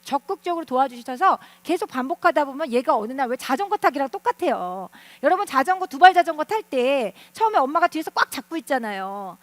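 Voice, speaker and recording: Woman teacher at a parents' seminar, high voice, animated, quizzes the room, dry close sound. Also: fairly quick, few pauses, no echo. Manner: animated, asks the audience questions. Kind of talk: lecture to parents.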